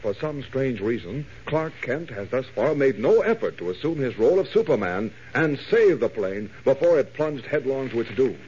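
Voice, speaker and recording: Male old radio announcer, suspenseful serial narration, slightly husky, muffled vintage recording. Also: medium pitch, sing-song, moderate pace, few pauses, darkish tone. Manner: old-time announcer's grave, suspenseful delivery.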